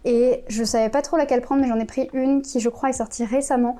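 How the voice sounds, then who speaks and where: A woman's voice: a little high, fairly even intonation, a little fast, warm tone. A young woman from France with a French accent, chatting casually about books, with many fillers and self-corrections. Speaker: book youtuber. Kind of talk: casual chat.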